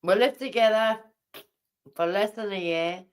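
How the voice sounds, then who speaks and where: Slow-talking woman. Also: mid-range voice, smooth. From Newcastle, England. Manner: rambling, chatty, answers viewers' comments aloud. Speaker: livestreamer chatting with viewers. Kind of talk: casual chat.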